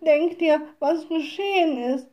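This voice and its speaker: Tearful, complaining old wood-gathering women from a storybook, as a woman reader puts them on. They wail in raised, high voices, with a mellow, soft tone. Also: takes it slowly. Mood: tearful upset.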